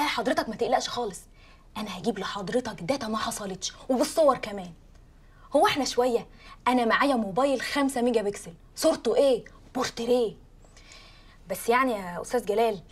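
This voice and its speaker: Casting: a keen Egyptian rookie reporter, husky, fast-talking, a bit high. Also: female voice. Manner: eager, self-assured, chatty on the phone. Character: eager young female reporter on the phone. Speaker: young journalist. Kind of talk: TV drama acting.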